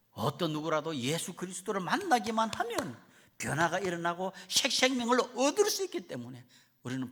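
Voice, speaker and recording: Man, missionary preacher, sermon, lively storyteller, wide-ranging pitch. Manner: lively storytelling, acts out voices.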